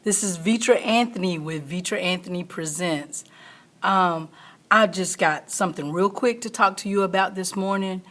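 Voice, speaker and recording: A woman's voice: lowish voice, normal speed, a bit bright. A middle-aged or older woman hosting an online motivational talk like a teacher, speaking emphatically and repeating key phrases for stress. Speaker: teacher and online show host.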